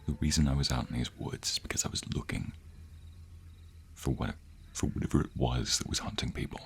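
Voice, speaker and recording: In an intimate romantic audio roleplay, a man plays a devoted, protective vampire boyfriend, talking earnestly and hesitantly, often in a breathy hush. His bass voice stays steady and moves fairly quickly, sounding hushed and troubled over slight background noise.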